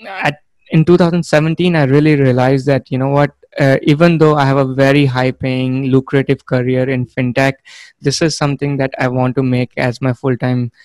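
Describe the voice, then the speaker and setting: A man, a podcast guest telling his story in a measured way with many fillers. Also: mid-range voice, little pitch movement, a little mellow, no room sound. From India. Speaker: guest, real estate fund manager. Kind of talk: conversational interview.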